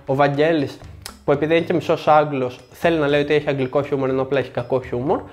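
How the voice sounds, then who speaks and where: A man's voice: a little high, flat delivery, a little mellow. A young man hosting a board game review show, presenting in a scripted, joking way with sarcastic asides.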